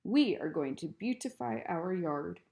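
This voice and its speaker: A woman voicing a bossy, stern older woman who is prim and easily outraged, speaking in loud, clipped commands for a storybook read-aloud. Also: lowish voice, animated, a little slow, vocal fry. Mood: haughty.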